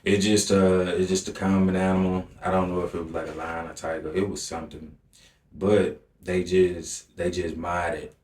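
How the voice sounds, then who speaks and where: A man's voice: low-pitched, little pitch movement, normal speed, a little mellow. A man co-hosting a podcast, laid-back and trailing off in casual chat. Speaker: podcast co-host. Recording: echoey room, distant mic, faint room noise.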